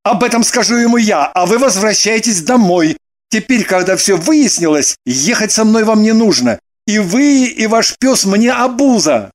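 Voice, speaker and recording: A man's voice: high-pitched, lively intonation, normal speed. Guy reading a prim huffy businessman, stiff and indignant, audiobook style. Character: prim, self-important male businessman.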